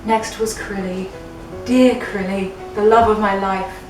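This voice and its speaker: A drunk woman reads fan fiction for a comedy web show, hamming it up theatrically and giggling through the jokey, dramatic story. Her mid-range voice keeps a fairly even intonation at a measured pace. The room is echoey, the mic distant, with music playing underneath.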